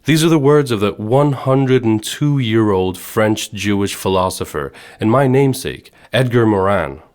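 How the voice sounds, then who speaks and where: A man from Sweden hosting a podcast, giving measured, earnest scripted narration. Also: lowish voice, expressive, darkish tone. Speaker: podcast host.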